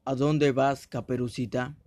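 A man voicing a cunning, smooth-talking wolf in a read-aloud fairy tale, speaking in a coaxing, sly way. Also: medium pitch, flat delivery, measured pace, darkish tone, lightly acted.

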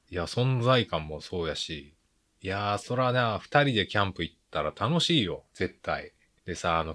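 A man's voice: low-pitched, a bit bright. A man with a Kansai Japanese accent giving a casual solo film review, talking bluntly in rambling, grumbling colloquial asides.

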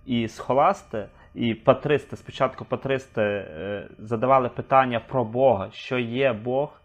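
A man's voice: medium pitch, normal speed, lo-fi sound. Man explaining with frequent hesitations. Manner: hesitant, many 'е' fillers while building arguments. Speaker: discussion partner. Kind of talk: conversational discussion.

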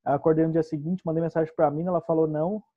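Soft-spoken young southern man. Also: fairly high pitch, rapid-fire, narrow, tinny audio. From southern Brazil. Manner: relaxed, soft-spoken storyteller. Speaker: stand-up comedian guest. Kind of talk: casual podcast conversation.

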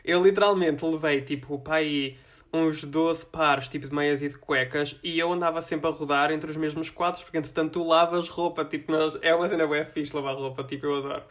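A man's voice: on the high side, fairly even intonation, a little fast, fairly bright tone. A young man with a European Portuguese accent chatting casually as a podcast co-host, blunt and slangy, dropping in English words.

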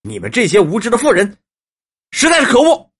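A woman voicing a pompous young male legislator in a storybook reading, indignant and loud. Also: on the low side, huge pitch swings, fast talker, breathy edge, heavily acted. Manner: indignant, shouting threats.

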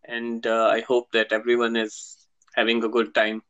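A man with a Pakistani accent co-hosting a casual podcast, speaking in a hesitant, halting way. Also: mid-range voice, completely flat delivery, fairly bright tone, clear, resonant tone, dull audio. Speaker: podcast co-host.

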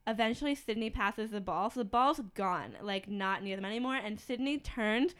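A young woman in casual chat, telling a story in a quick, lively way. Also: mid-range voice, clear, resonant tone.

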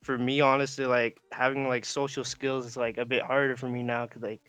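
A Canadian guy in his late teens chats as a podcast guest, rambling in laid-back slang packed with "like" and "bro." His mid-range voice stays fairly flat in pitch, runs a little fast, and sounds slightly bright. The recording is clean with no echo.

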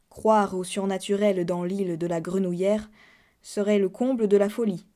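A woman narrating a classic French story aloud in a measured, subdued and expressive reading. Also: mid-range voice. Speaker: reader. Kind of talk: literary audiobook narration.

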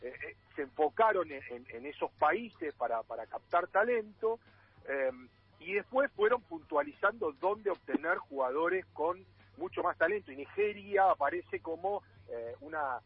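A man's voice: sits high, big pitch swings, a little slow, slightly rough, no echo. A man with an Argentine accent, a radio sports columnist explaining things in a panel talk, with many fillers and restarts. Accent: Argentine Spanish. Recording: muffled, phone-like line.

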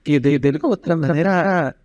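A man hosting a podcast, speaking haltingly with repeated words in a casual interview. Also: fairly high pitch, darkish tone, highs cut off. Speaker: podcast host.

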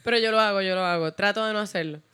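Puerto Rican woman, bright tone, mid pitch, chatty and self-deprecating. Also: racing, clean tone. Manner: rambling, self-mocking, acts out her own thoughts. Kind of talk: casual chat.

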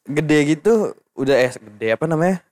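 A man's voice: on the high side, animated, moderate pace, darkish tone. A young man hosting a casual podcast chat, teasing his guest, laughing often and talking in slang. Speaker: podcast host.

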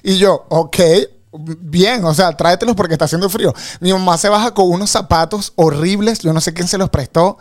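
High-voiced joking man. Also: normal speed. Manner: joking storyteller. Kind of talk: casual chat.

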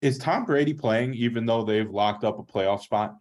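A man's voice: mid-range voice, normal speed, darkish tone. A man co-hosting a casual sports podcast, asking questions and thinking aloud in a hesitant way.

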